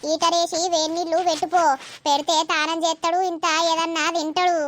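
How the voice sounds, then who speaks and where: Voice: very high voice, flat delivery, a little fast, a bit bright, a little hiss or hum. A performer voicing a bossy, caring village woman in a cartoon who scolds and fusses, with a Telangana Telugu accent. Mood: comforting. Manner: scolding, fussing, talkative. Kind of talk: cartoon voice acting.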